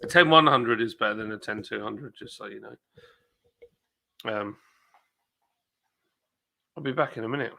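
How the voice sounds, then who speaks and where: A man's voice: fairly low pitch, unhurried, gravelly, pauses often, bright, forceful tone. A man hosting a casual late-night live stream, chatting away in a rambling manner and reading viewer comments aloud.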